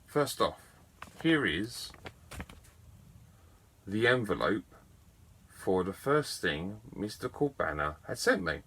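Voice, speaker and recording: Chatty man with a bright voice. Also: lowish voice, husky. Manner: chatty and enthusiastic, self-mocking. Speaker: video game collector vlogger. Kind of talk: casual storytelling to camera.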